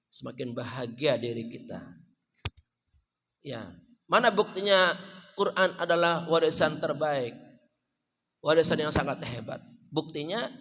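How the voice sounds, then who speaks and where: A man with an Indonesian accent delivers a mosque sermon in a slightly raised voice. He lifts his words loudly for emphasis, then sinks into soft phrases, often putting questions to the congregation. A long hall reverb trails every line. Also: on the high side. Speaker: preacher.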